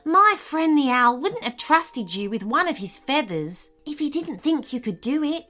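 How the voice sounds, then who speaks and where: A woman's voice: high-pitched, very animated, normal speed, soft background music, voice pushed up, heavily acted. A woman voicing a cheerful, encouraging koala in a children's storybook. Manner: bright and encouraging.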